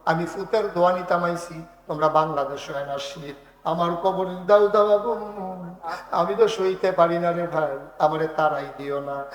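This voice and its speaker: A man's voice: on the high side, normal speed, echoey room, in a large hall, lightly acted. A male preacher voicing a grieving dead mother who pleads from her grave, in a tearful, sing-song tone. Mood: pleading.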